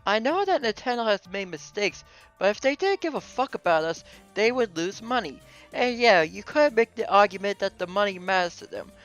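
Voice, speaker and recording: A man's voice: sits high, fairly bright tone, rough recording. A man reading a scripted rebuttal as a commentator responding to a video.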